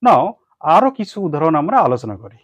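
A man's voice: a little high, big pitch swings, fast talker, no room sound. A man with a Bengali accent teaching a grammar lesson, who repeats terms and keeps asking questions and answering them himself. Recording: dry, muffled lo-fi sound.

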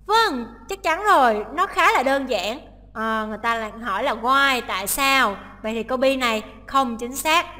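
Bright, high-voiced woman teaching a listening test. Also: big-room sound. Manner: explains each option, translating English lines aloud. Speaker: English teacher.

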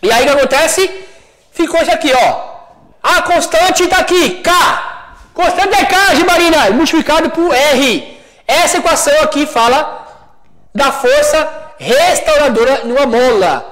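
A man with a Brazilian Portuguese accent, a studio teacher working through a high school physics exercise, chatty and checking often that students follow. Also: lively intonation, unhurried, fairly bright tone, low-quality recording. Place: classroom studio.

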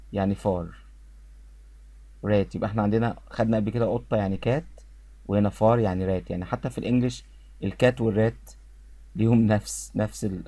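A man with an Egyptian Arabic accent teaching English pronunciation, repeating each word slowly and clearly for his students. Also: on the low side, dark tone, dry recording. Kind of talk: pronunciation lesson.

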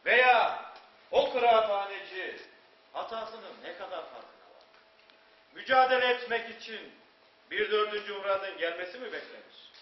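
An actor playing a moralizing father who tells cautionary tales on stage, with dramatic pauses. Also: high-pitched, animated. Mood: earnest, instructive. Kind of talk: stage storytelling narration. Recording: echoey, muffled, noisy distant stage recording.

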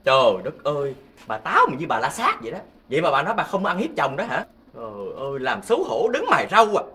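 A man's voice: on the high side, wildly swooping pitch, fast, pushed and bright, recorded from a distance, full character voice. An actor playing a gossipy, henpecked male kitchen god in a stage comedy sketch, complaining in whiny exclamations.

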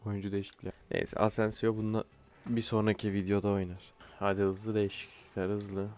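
A man's voice: on the low side, flat delivery, fairly quick, a little mellow. A young man giving casual live commentary while playing a football video game, often frustrated and blurting out complaints at his players. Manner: frustrated outbursts, swearing at players. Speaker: gaming YouTuber.

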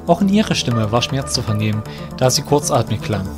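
In this fantasy audio drama, a male narrator reads from a script at a medium pitch, with big swings in pitch and a slightly fast pace. Music sits clearly behind his telling.

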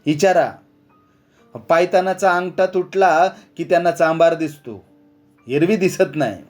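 A man's voice: fairly high pitch, a little slow, darkish tone, faint music behind, voice pushed up, close to an everyday voice. A man voicing an anxious village cobbler who stammers and pleads. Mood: pleading.

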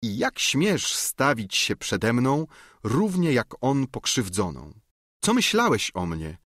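A man voicing an impassioned young noblewoman who feigns fury, with vehement, declamatory outbursts, raised above his own pitch. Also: fairly bright tone, no room sound, clean studio sound, full character voice.

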